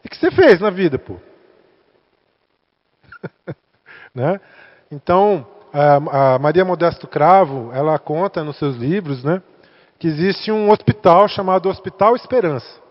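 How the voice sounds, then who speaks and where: A man's voice: fairly high pitch, expressive, measured pace, pauses often. A man with a Brazilian Portuguese accent gives a spiritist talk to center workers, chatting and asking the audience questions. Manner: conversational, asks the audience questions. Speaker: guest speaker. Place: spiritist center meeting hall. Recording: echoey hall, dull lo-fi sound.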